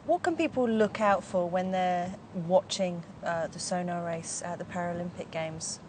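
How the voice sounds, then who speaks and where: A woman interviewing a sailing coach outdoors in a park, asking clear, direct questions. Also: on the low side, normal speed, darkish tone, a little hiss or hum.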